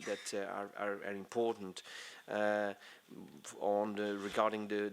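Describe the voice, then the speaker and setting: A middle-aged man with a Portuguese accent delivers a conference speech in English. His voice sits somewhat low. He halts often, hunting for words between fillers and restarts. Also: a bit bright. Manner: halting, many fillers and restarts. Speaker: conference speaker.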